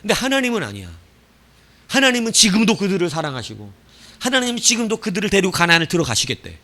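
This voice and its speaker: A male pastor delivering a sermon in a somewhat high voice that rises and falls in wide, lively swings. He keeps asking the congregation questions and answering them himself. Loud outbursts drop off into hushed endings. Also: fast. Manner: swings from loud bursts to quiet trailing phrase endings.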